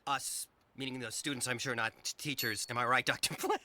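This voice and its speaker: An actor voicing a soft-spoken, overly polite grade-school teacher in a cartoon, hesitant as he talks. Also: medium pitch, steady tone, a little fast. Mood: earnest.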